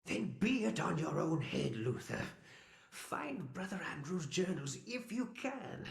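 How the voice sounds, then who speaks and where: An actor playing a very old, weary monk in a video game, secretive and urgent, with an aged voice. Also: male voice, high-pitched, big pitch swings, a little slow, full character voice. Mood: grave warning. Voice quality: aged, creaky. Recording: roomy, echoing game dialogue.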